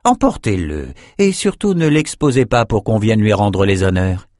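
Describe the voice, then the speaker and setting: Sardonic male sorcerer lord, read by a man, low, mocking, dry audiobook read. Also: very animated, normal speed, darkish tone, no echo. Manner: mocking, callous, amused. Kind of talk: audiobook character voice.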